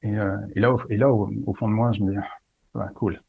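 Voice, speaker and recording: A man's voice: lowish voice, fairly even intonation, quick pace, narrow, tinny audio, slight background noise. A man telling a personal story in a casual, playful and self-mocking way. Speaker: spiritual medium and storyteller.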